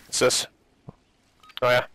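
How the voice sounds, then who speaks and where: A young man in casual gaming voice chat, excitable and sweary, often yelling, over a noisy connection. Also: slow pace. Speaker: online gamer.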